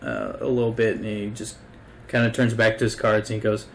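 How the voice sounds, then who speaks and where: A man's voice: on the low side, big pitch swings, fairly quick, gravelly. A man narrating a tabletop game as game master, casual and full of fillers. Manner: casual, hesitant, many fillers.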